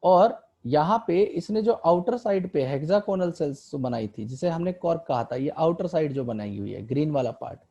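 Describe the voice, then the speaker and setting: A man's voice: fairly high pitch, expressive, normal speed, few pauses, mellow. A man teaching a biology lesson over a diagram, asking his students questions and answering them himself, with English terms mixed into his Hindi. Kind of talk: online lecture explaining a diagram.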